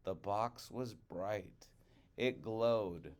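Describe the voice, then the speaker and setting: Sitting on the low side in pitch, a man reads a picture book to children like a storyteller. Each line is deliberate and expressive, punctuated with dramatic emphasis.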